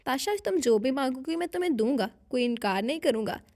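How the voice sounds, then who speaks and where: A woman voicing a young man in an audiobook, a loving but quick-tempered husband. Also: very high voice, lively intonation, a little mellow. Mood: joyful. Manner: tender, sometimes irritated. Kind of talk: audiobook character reading.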